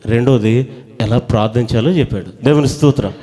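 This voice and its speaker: A mid-range-voiced man preaches fairly quickly in a church hall, pushing the congregation to shout their answers back.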